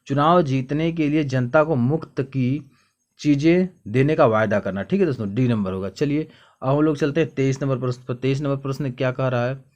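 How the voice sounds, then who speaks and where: A man's voice: mid-range voice, a little mellow. A young man going through exam questions one by one, reading each out and then repeating the answer back as a question to the viewer. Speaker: exam tutor. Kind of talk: quick exam answer walkthrough.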